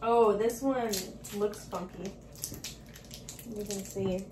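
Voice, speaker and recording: A woman casually tasting snacks with a friend, talking in a relaxed, hesitant way. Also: medium pitch, slow, slight background noise. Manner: relaxed, hesitant, plenty of likes. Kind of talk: casual unboxing taste test. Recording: echoey room, mic far off.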